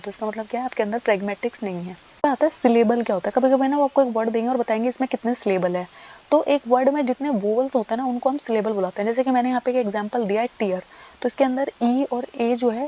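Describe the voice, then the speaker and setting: A woman teacher rattles through an exam-prep lecture at high speed. Her voice sits a little high yet sounds mellow, and she keeps asking questions and answering them herself. The audio is dull and lo-fi.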